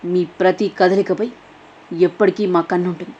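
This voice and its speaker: A woman's voice: lowish voice, fairly even intonation, moderate pace, dark tone, a little hiss or hum, close to an everyday voice. A woman voicing a cold woman villain who issues clipped threats over the phone. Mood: menacing. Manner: menacing, clipped. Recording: dull lo-fi recording.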